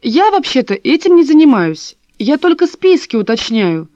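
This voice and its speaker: A woman's voice: sits high, big pitch swings, normal speed, warm tone, no room sound, pitched above the performer's own voice. A woman voicing an impatient young woman who keeps pressing with questions, on a dull, dry recording. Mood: insistent. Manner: probing, insistent.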